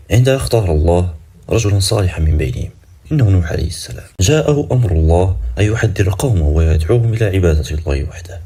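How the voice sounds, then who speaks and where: A man tells a dramatic story in a deep, husky voice with a dark, mellow tone. He narrates briskly and builds suspense, closing each part on a teasing question.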